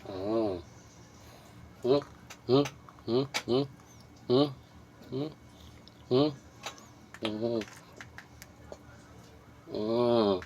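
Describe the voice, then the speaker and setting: A man vlogging himself eating, chewing between bites and teasing his viewers with a drawn-out, mocking "hmm?". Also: medium pitch, mellow, highs cut off, a little hiss or hum. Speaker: mukbang vlogger. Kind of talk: eating on camera, talking to viewers.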